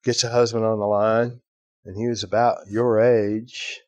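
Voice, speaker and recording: Speaking unhurriedly in a lowish, darkish voice that barely shifts in pitch, this man from Ireland hosts a podcast with no room sound. He spins a conversational story packed with asides and "right?" tags, performing the voices of the people he quotes.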